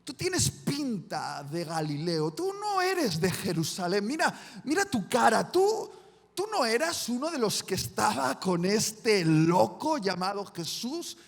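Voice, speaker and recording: A taunting bystander, loud and accusing as a preacher plays him, with a high, gravelly voice. His shouts ring around a big hall. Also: very animated, takes it slowly, heavily acted. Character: mocking male bystander, accusing stranger. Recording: reverberant church hall.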